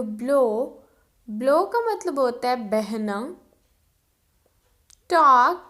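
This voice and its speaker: A woman's voice: high voice, fairly bright tone. A woman teaching English vocabulary, saying each word, spelling it out letter by letter and giving its meaning. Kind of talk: slow vocabulary drill.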